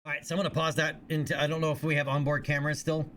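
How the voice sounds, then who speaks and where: A man's voice: fairly high pitch, little pitch movement, rapid-fire, a bit bright, slight background noise. A man streaming a game and chatting casually, explaining at length with lots of fillers. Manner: rambling explainer, many fillers. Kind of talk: casual live-stream chat.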